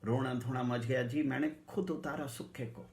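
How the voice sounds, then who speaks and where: A man telling a folk tale, narrating quietly and getting loud when he voices the characters. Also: mid-range voice, steady tone, moderate pace. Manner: hushed narration rising to loud quoted dialogue. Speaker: storyteller. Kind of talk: dramatic storytelling.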